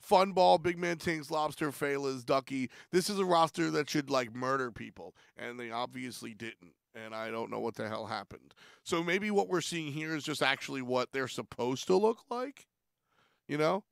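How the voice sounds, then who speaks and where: A man's voice: medium pitch, lively intonation, normal speed, vocal fry, no room sound, clean studio sound. A man hosting a weekly stream show, rambling through casual commentary in a playful, self-deprecating way.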